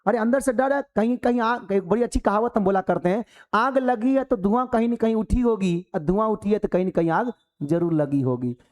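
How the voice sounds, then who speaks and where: A male teacher giving a lively classroom lecture, animated and preachy, full of rhetorical questions. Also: high voice, fairly quick, few pauses.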